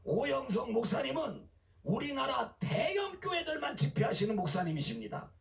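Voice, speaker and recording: Gravelly male emcee shouting at a rally. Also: very high-pitched, big pitch swings, normal speed. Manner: shouting, urging applause. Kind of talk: introducing a speaker. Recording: echoey loudspeaker sound from far off, music behind.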